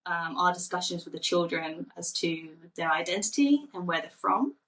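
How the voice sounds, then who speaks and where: A woman's voice: on the low side, expressive, moderate pace, a bit bright, distant mic, rough recording. A woman in her forties, from Thailand, talking casually as a guest on a podcast and telling stories with light laughs. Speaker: children's book author.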